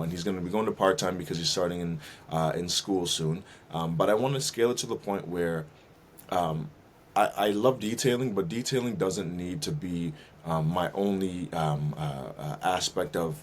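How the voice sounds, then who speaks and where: Deep-voiced man with a faint background hiss. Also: moderate pace. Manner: thoughtful, many fillers and restarts. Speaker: guest, minister and auto detailing business owner. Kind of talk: casual interview conversation.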